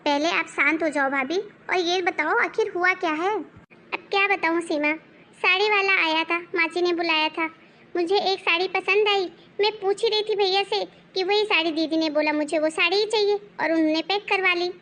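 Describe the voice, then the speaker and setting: A woman's voice: very high-pitched, steady tone, normal speed, pushed and bright. Woman doing sulky young daughter-in-law. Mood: complaining. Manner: complaining, aggrieved.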